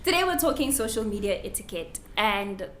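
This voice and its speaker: A woman's voice: mid-range voice, very animated, normal speed, a bit bright, a little hiss or hum. A woman with a South African accent co-hosting a podcast in a casual, playful style. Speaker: podcast co-host.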